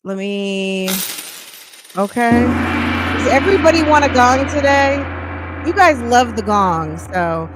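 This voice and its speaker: A woman's voice: fairly high pitch, expressive, takes it slowly, long pauses, very noisy. A woman in her fifties hosting a casual livestream, sassy and playful, thanking her viewers as she chats. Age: 50s. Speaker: podcast host.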